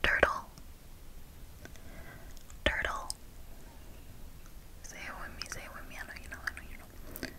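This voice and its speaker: Young woman, Miami accent, ASMR whisper, deliberate delivery, repeated phrases, close microphone. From Miami, United States. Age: young adult. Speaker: ASMR video creator. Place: bedroom, indoors. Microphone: close fur-covered desk microphone.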